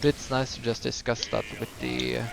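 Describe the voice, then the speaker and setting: Nasal, lisping man with gravelly creak. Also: mid-range voice, big pitch swings, a little fast. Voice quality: lisp. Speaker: gamer giving a healer guide. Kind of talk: casual game walkthrough commentary. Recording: clear background noise, keyboard typing.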